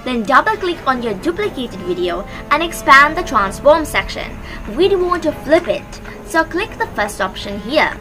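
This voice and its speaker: Giving scripted step-by-step directions, this young tutorial host speaks into a close, stand-mounted microphone over background music. She sounds high-pitched and sing-song, moving at a moderate pace with few pauses.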